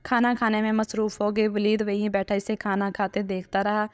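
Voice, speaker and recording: A woman narrates a scripted story in a steady, even reading. Her pitch barely moves, and the recording is close and dry. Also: moderate pace, clean tone, dry recording.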